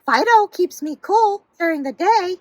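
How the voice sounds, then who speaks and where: A woman's voice: extremely high pitch, animated, a little slow, no echo, voice pushed up. A woman voicing an earnest, devoted little girl in a children's storybook. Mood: proud, playful. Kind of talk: storybook character reading.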